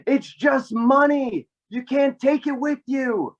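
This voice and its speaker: Man doing a fed-up aunt, high, slow, muffled audio. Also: exaggerated voice. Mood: exasperated. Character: quiet aunt finally fed up, woman.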